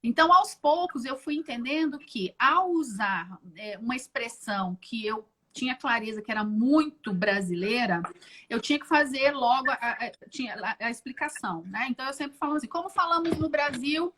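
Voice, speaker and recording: A woman's voice: high voice, normal speed. A Brazilian woman with a Brazilian accent, guest on a live video call, chatting and telling stories with many restarts. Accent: Brazilian Portuguese. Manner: chatty, many restarts and fillers, lively storytelling. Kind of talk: casual interview chat.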